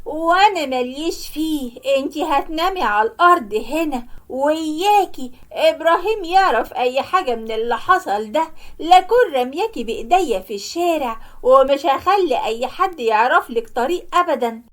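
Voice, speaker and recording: A woman voicing a sharp-tongued young married daughter who scolds loudly, with an Egyptian accent, in an animated story. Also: high-pitched, normal speed. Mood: scolding. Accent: Egyptian Arabic. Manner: loud, harsh and scolding.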